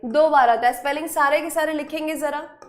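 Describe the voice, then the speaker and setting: This online spelling and vocabulary teacher has a high voice and a brisk delivery. She switches between Hindi and English words, echoing each question and its answer to draw students in.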